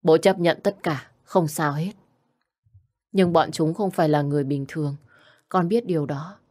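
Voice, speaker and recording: A woman voicing a gentle, caring father comforting his daughter. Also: low voice, normal speed. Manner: soft, gentle.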